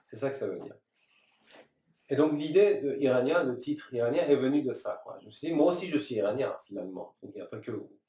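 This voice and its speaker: A man's voice: medium pitch, expressive, dark tone. A man in his thirties from Iran, a filmmaker answering interview questions thoughtfully, with many restarts and fillers. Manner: thoughtful, halting, many restarts and fillers, gestures with both hands. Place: small room, seated at a table. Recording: roomy, slightly distant sound.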